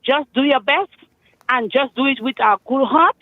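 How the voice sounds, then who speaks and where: A woman's voice: high-pitched, moderate pace, no echo. Grenadian woman on a clipped phone line. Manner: earnest, emphatic and repetitive. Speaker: caller. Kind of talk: call-in radio chat. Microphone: telephone. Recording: tinny dry phone line.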